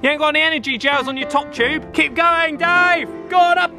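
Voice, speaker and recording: Guy vlogging on a windy hill, really high voice, loud and jokey, music under it. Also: brisk. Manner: loud cheering, jokey and self-mocking. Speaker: vlogger host. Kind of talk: roadside commentary and banter. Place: outdoors on a windy hillside road.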